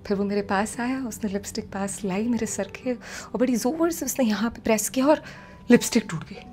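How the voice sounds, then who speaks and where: Young woman doing comic storytelling, chatty and animated, faint music behind. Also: on the high side, normal speed. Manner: chatty, animated, mixing in English phrases.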